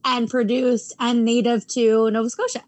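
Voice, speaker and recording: A woman's voice: fairly high pitch, flat delivery, moderate pace. A woman co-hosting a podcast in casual chat, congested from a chest cold. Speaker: podcast co-host.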